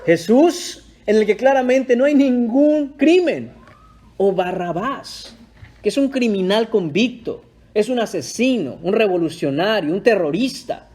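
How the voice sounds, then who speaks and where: A man's voice: high voice, animated, a little slow, darkish tone. A man voicing an exasperated Roman governor, incredulous and pleading, re-enacted within a sermon.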